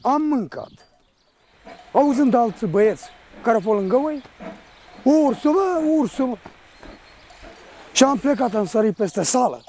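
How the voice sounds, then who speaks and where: Man, shepherd, high but dark voice, rambling storytelling. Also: expressive, slight background noise. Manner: rough, rambling, vivid. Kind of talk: telling a personal story.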